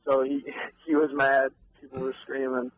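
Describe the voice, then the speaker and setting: A male guest on a casual sports talk show, talking candidly and haltingly with fillers about a coaching call. His voice is mid-pitched. The recording sounds dull and lo-fi, yet dry. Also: completely flat delivery, no echo. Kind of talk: casual interview chat.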